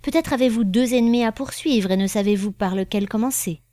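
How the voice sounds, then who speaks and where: Woman reading as a smooth, bluffing male fortune-teller. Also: fairly high pitch, fairly quick, warm tone, dry recording, natural voice. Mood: persuasive. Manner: smooth, insinuating, persuasive.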